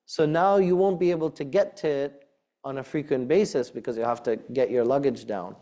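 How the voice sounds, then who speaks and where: An imam addresses his congregation in a direct, conversational way. His voice is warm and mellow, pitched in an ordinary middle range, and he repeats key words to stress them. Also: a little fast. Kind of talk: practical advice talk to a congregation.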